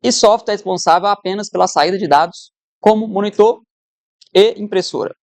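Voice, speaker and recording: A woman's voice: mid-range voice, brisk, a little mellow, dry recording. A woman teacher giving an exam-prep lesson, conversational, who keeps checking in with her students.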